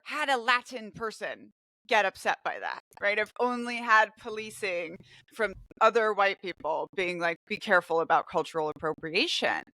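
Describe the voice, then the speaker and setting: A woman's voice: mid-range voice, expressive, normal speed, pushed and bright, no room sound. A woman who grew up in Brazil and Mexico, hosting a casual podcast chat and telling her own story candidly and with animation. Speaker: podcast host.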